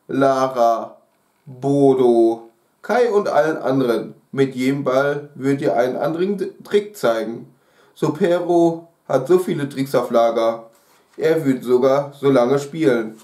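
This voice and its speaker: Calm man reading a children's story. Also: mid-range voice. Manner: calm, unhurried, with casual asides. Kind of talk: reading a children's book aloud. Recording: roomy echo.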